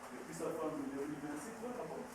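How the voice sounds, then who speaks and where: A male pastor preaching a sermon, telling stories and shouting scripture lines back in call-and-response. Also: a little high, lively intonation, a little fast. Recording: echoey hall, distant mic, background noise.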